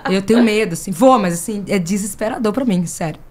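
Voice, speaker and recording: A woman with a Brazilian accent, a podcast guest who tells stories in a lively way and acts out the dialogue with laughter. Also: mid-range voice, quick pace. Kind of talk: casual chat.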